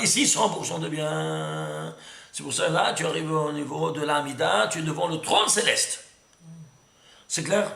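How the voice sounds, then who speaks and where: Animated rabbi with a gravelly, bright voice. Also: male voice, on the high side, echoey room. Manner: lively and emphatic, full of restarts, asks "C'est clair?" often. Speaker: rabbi teaching a class. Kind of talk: animated Torah lesson.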